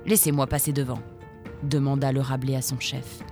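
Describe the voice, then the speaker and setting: A woman's voice: very deep voice, flat delivery, normal speed, warm tone, faint music behind. A woman voicing a wary, tough male fox scout who knows the forest well. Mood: uneasy. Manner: uneasy, then coldly threatening.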